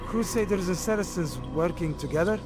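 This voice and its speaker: A man playing a stern, proud but brotherly assassin in a video game, with measured, formal, old-fashioned phrasing. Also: sits high, lightly acted. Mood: wary, counselling. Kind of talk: scripted video game acting. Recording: dramatic music underneath.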